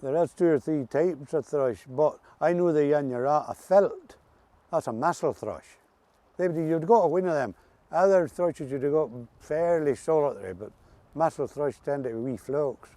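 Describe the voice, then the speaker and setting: A man's voice: fairly high pitch, normal speed, mellow, no room sound. A man with an Ulster Scots accent, chatting casually and reminiscing in folksy dialect as an interview guest. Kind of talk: casual reminiscing chat about local dialect words.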